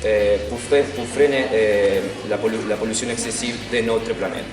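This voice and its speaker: A low-voiced man from Italy, whose first language is Italian, answers halting and full of fillers. He is far from the mic in an echoing hall, with music playing behind. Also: fairly even intonation. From Italy, Sardinia. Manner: halting, many fillers and restarts. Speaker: interviewee. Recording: distant, echoey hall with music.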